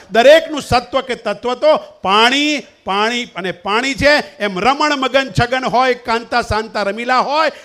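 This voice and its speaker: Male preacher, high voice, sing-song verses and playful asides. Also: fairly bright tone. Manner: sing-song chanting of verses, teasing questions to the audience. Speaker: swami preacher. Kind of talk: devotional sermon. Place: temple festival gathering.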